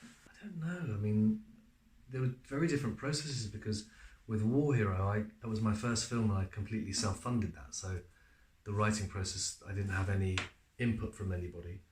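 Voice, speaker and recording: A man's voice: on the low side, moderate pace, reverberant, a little hiss or hum. A man who is an actor, answering interview questions in a casual, chatty way with lots of fillers. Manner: relaxed, chatty storyteller with frequent fillers.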